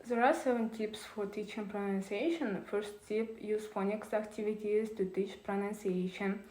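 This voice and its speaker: A woman's voice: mid-range voice, moderate pace, a little mellow, echoey room, poor audio. A woman presenting a prepared talk on teaching, reading carefully with small restarts.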